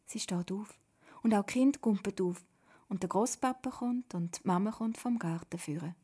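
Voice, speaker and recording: A woman with a Swiss German accent narrating a children's story in a gentle reading manner. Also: medium pitch, moderate pace, slightly rough.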